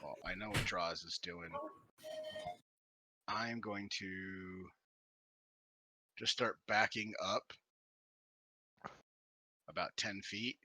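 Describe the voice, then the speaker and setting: A man's voice: on the low side, fairly even intonation, very slow, long pauses, bright, forceful tone, rough recording. A man playing an online tabletop game, thinking aloud hesitantly as he plans his character's move. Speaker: player. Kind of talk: casual chat at the game table.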